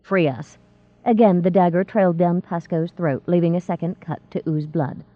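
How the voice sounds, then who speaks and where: A woman narrates a novel in a steady, measured way, her voice sitting on the low side. The sound is thin and phone-like, completely dry with no room. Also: dry recording. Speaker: audiobook narrator. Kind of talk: scripted narration.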